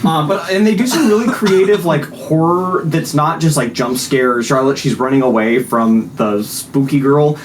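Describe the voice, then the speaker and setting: A man hosting a casual film review chat, speaking in a halting way with repeats and rephrasing. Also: a little high, slight background noise, rough recording. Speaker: film review show host.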